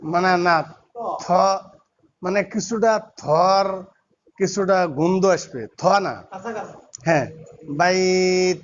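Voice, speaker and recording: High-voiced man drilling pronunciation. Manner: repeats single syllables slowly, drawing out sounds. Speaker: Quran recitation teacher. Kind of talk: pronunciation lesson. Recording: dull lo-fi recording with faint background noise.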